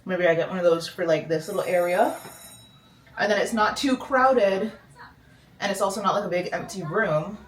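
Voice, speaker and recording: A young woman chats casually to the camera in her bedroom at home, rambling and frequently cutting herself off mid-sentence. Her voice is lowish at a moderate pace, with slight background noise.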